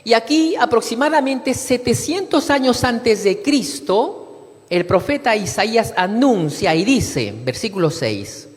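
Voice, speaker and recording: A man's voice: very high-pitched, big pitch swings, measured pace. A man preaching a sermon, reading scripture aloud and calling the congregation brothers. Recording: long reverb of a hall.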